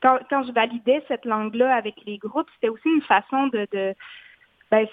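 Une femme avec un accent de la Haute-Côte-Nord, autrice invitée en entrevue radio, qui parle de façon réfléchie avec beaucoup d'hésitations. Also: female voice, a little high, normal speed, dry recording. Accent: Haute-Côte-Nord Quebec French. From Côte-Nord, Quebec. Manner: thoughtful, many fillers. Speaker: author guest. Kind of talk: radio interview. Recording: tinny phone-like line, dry.

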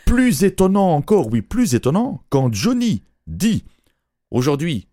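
A man's voice: high voice, sing-song, unhurried, mellow, dry recording, studio quality. A man giving a humorous radio chronicle, teasing and joking, laughing between his lines. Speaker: radio columnist.

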